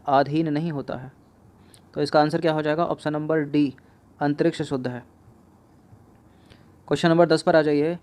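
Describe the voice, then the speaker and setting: A male exam coach speaking, his voice sitting a little on the high side. He works through spelling questions one by one, saying each word over and over and asking the class which form is right. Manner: repeats each word several times, asks students questions. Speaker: exam prep teacher. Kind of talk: spelling lesson explaining answers.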